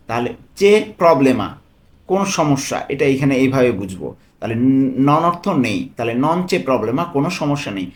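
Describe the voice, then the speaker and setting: A man with a Bangladeshi accent, working as a language tutor. He explains phrases patiently, repeating each one slowly and checking in with "okay?". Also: fairly high pitch. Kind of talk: explaining Italian phrases in Bengali.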